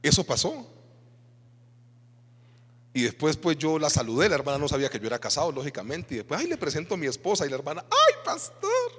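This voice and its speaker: A man's voice: on the high side, animated, fast, long pauses, a bit bright, husky. A male pastor from Colombia with a Colombian Spanish accent, preaching a sermon and putting rhetorical questions to his congregation. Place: church hall. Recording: reverberant church hall.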